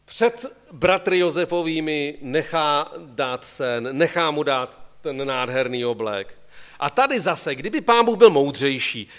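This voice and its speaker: A male preacher with a high, very lively voice, rising and dropping sharply as he puts question after question to his congregation. He talks straight to his listeners and pulls them into the scene. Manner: animated, questioning the congregation directly. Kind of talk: sermon.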